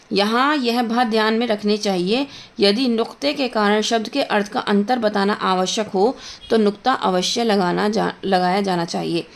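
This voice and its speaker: A woman teaching a grammar lesson, patiently spelling out words, repeating them slowly, checking in often and mixing in English words. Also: medium pitch. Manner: mixes English words into Hindi. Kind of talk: explaining Hindi grammar lesson.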